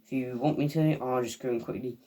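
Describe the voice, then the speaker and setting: A man's voice: medium pitch, steady tone, a little fast, mellow. A man, talking casually to viewers as a video reviewer. He rambles and hesitates, with many fillers and restarts, and makes chatty asides as an eager fan.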